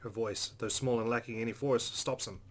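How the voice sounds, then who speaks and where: A man with a medium-pitched, steady voice speaks at normal speed while hosting a let's play video. He reads the visual novel's narration aloud expressively and drops in casual asides.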